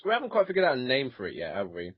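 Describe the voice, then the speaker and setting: A man's voice: mid-range voice, huge pitch swings, very fast, breathy edge, no room sound. A man co-hosting a gaming podcast, talking casually with many fillers and restarts. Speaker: podcast co-host. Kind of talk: casual chat. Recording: dull lo-fi voice recording.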